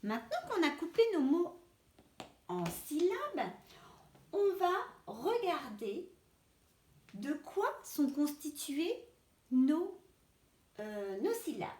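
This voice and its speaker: A woman's voice: high voice, sing-song, slow pace, pauses often, warm tone, reverberant. A woman teacher giving a spelling lesson to children, patiently sounding out words syllable by syllable. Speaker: primary school teacher.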